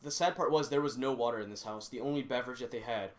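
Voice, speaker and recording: A man's voice: medium pitch, quick pace. A young man hosting a casual podcast, telling rambling stories full of swearing and laughing as he goes. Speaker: podcast host. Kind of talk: casual chat.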